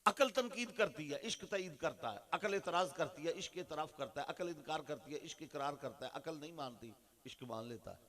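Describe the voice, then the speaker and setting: High-pitched preacher with a Pakistani Urdu accent. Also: male voice, expressive, fairly quick, hardly any pauses. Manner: swings from hushed asides to loud rhythmic refrains. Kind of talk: sermon.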